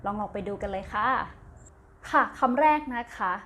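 A woman's voice: medium pitch, moderate pace. A woman with a Thai accent teaching a primary English lesson, spelling words letter by letter, repeating each word twice, then giving its meaning. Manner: gentle, patient, ends phrases with polite particles. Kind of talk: slow recorded classroom lesson.

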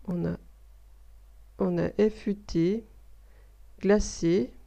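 A woman giving a slow spelling dictation lesson, repeating each word and explaining the grammar step by step. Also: mid-range voice, fairly even intonation, vocal fry, dark tone. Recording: dull lo-fi recording.

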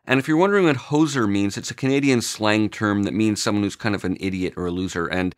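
Low-voiced man walking through a plugin. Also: fast, smooth. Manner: steady explanatory walkthrough, points at controls. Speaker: plugin tutorial presenter. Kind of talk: screen-recorded software tutorial.

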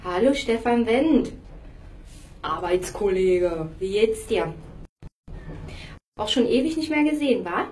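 A woman's voice: medium pitch, expressive, slow, pauses often, a little mellow. Giggly chatty woman vlogging in a car. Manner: giggly, chatty, greets viewers by name. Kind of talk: casual vlog chat. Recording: car noise behind.

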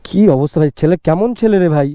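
A motovlog host from West Bengal who earnestly coaxes and pleads, often repeating himself, speaking into a helmet mic. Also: male voice, a little high, quick pace, warm tone, dry recording. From West Bengal, India. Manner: earnest, coaxing, repeats pleas. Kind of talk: staged roadside vlog. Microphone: helmet-worn mic on a bike.

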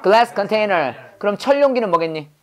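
Sitting high with lively intonation at a normal speed, this middle-aged pastor leads a classroom English vocabulary lesson. The class echoes words back as he drills them, quizzes everyone, and fixes their pronunciation.

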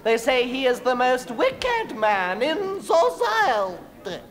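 Stage comedy: grand, gushing society matron, slow and theatrical, hugely varied pitch. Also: female voice, very animated, full character voice. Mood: haughty, brisk. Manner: theatrical, drawn-out, swooping exclamations. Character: grand, gushing, haughty society lady, a domineering mother. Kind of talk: Wilde parody stage comedy.

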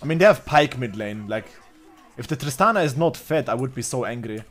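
Streaming a game live, a twenty-something man thinks out loud in a crude, offhand style. He speaks briskly and animatedly in a mid-range voice, with a faint beat in the background.

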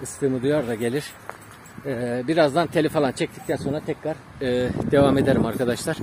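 A man's voice: medium pitch, a little fast, heavy background noise. A man, a pigeon breeder, chatting casually to his viewers from his garden and calling out to his dogs now and then. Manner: chatty, addresses viewers as friends, shouts dog commands. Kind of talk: casual vlog talk to viewers.

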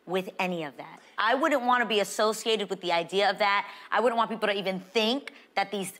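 A woman's voice: mid-range voice, a little fast, fairly bright tone. An American woman, around her thirties, chatting as a co-host on a studio panel show. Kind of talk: animated panel chat.

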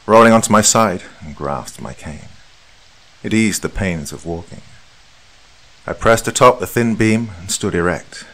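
A man with a very low voice narrates a horror story. His delivery is dramatic and measured, swinging widely in pitch to build tension. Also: a bit bright, low-quality recording. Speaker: horror podcast host and narrator.

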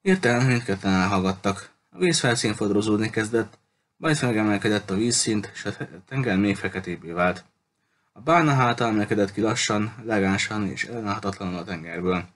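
A man reading a novel aloud in a steady, measured way. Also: on the low side. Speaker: audiobook reader.

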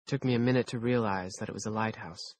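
A man reading a first-person audiobook aloud in a measured, dry storytelling manner. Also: on the low side, darkish tone, no room sound. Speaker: audiobook narrator.

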